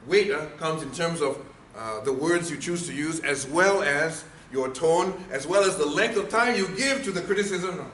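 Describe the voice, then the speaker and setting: A male trainer lectures a room, punching key words and checking in with "okay?" and "right?". His voice is bright and forceful. The sound is roomy with a faint hiss behind it. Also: on the high side, lively intonation, moderate pace, hardly any pauses. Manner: emphatic, asks the room questions. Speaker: speaking trainer. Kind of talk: workshop lecture. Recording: echoey room, faint noise.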